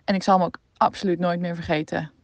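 A woman in her twenties leaving a voicemail message, speaking as a graduate and communications adviser with a steady, read-out delivery. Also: lowish voice, quick pace, dry recording. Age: 20s.

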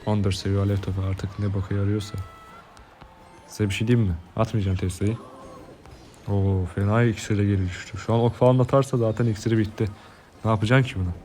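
A Turkish-accented man commentating his mobile game casually, cursing and yelling when frustrated. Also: fairly low pitch, steady tone, fast. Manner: swearing, yells in frustration. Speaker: gaming streamer.

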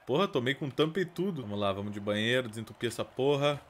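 A man with a Brazilian Portuguese accent giving let's play commentary as a gaming streamer, swearing constantly and breaking into loud outcries. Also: mid-range voice, fast talker, a little hiss or hum. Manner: profane, excitable, bursts into loud outcries.

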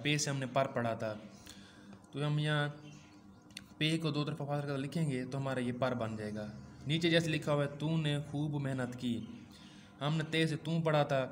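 A man's voice: medium pitch, a little hiss or hum. A man teaching a braille lesson, patiently repeating each step and reciting dot numbers.

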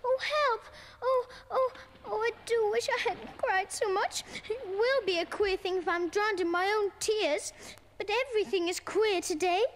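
Alice as a polite, curious young girl in a storybook recording. Her voice is very high, prim and well-spoken. A long reverb trails behind it. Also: moderate pace, a little hiss or hum. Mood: upset.

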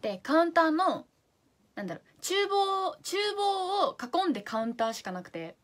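Young fukuoka girl chatting on her stream, hakata accent, high bright voice, bubbly with soft little asides. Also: very animated, normal speed. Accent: Hakata dialect. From Fukuoka, Japan. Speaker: idol livestream host. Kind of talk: casual livestream chat reading comments.

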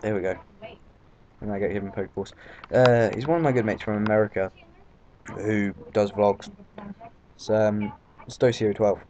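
A man's voice: lowish voice, fairly even intonation, normal speed, long pauses, darkish tone. A man with a British accent giving rambling, casual gameplay commentary, full of fillers and swearing. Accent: British English. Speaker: let's play commentator. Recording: dull lo-fi mic, faint background noise.

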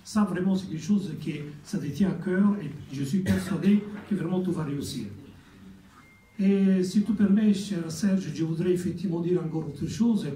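A man with an Italian accent delivers a formal speech at a ceremony, pausing and repeating words as he goes. His voice is dark and slightly high, and it is heard from a distance in an echoey hall with faint noise behind it. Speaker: community representative giving a speech.

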